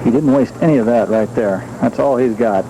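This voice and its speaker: A man's voice: mid-range voice, a little fast. A man working as a golf commentator, describing holes and shots in live television coverage. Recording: noisy old outdoor TV broadcast. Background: outdoor ambient noise.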